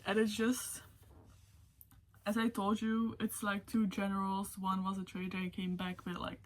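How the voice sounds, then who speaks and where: Female book vlogger, unhurried delivery, rambling and emotional, casual chat. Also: medium pitch, completely flat delivery. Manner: rambling and emotional, lots of "like" and self-corrections. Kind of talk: casual book ranking vlog.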